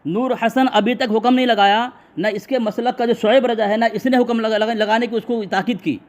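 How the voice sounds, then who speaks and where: A man's voice: very high-pitched, fairly even intonation, brisk. A man in a heated religious debate, insistent, repeating his phrases again and again.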